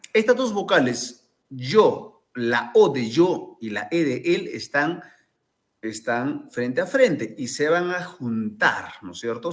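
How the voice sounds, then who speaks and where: A man, a literature teacher explaining exam answers and often checking in with "isn't that right?". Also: on the high side.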